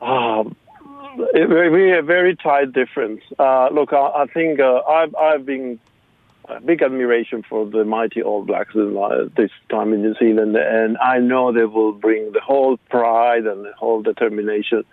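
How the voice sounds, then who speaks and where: A man from Argentina with an Argentine Spanish accent, a guest on a radio interview, speaking haltingly with many fillers and restarts. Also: mid-range voice, no echo. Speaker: guest, local rugby supporter. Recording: phone line, dry.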